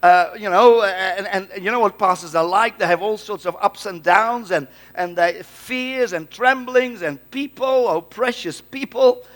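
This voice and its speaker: Here a man from the Netherlands, speaking with a Dutch accent, preaches in Pentecostal style and calls out to his congregation. His high-pitched voice is fairly bright and measured in pace, with hardly any pauses, and his exclamatory delivery often stumbles into hesitations and repeated words.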